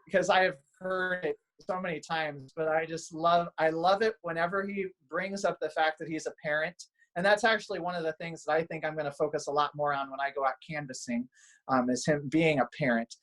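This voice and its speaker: A man's voice: a little high, steady tone, a little fast, a bit bright, low-quality recording. A man who works as a pastor, chatting in an interview, enthusiastic and rambling, laughing often. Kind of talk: casual interview chat.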